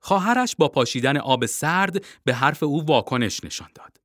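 A narrator reading a children's storybook aloud, expressive and quick, switching into character voices. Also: medium pitch, no echo, studio quality.

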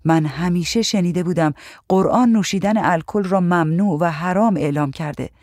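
An audiobook narrator reading a memoir in the first person with steady, somber delivery. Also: medium pitch, dry recording, studio quality.

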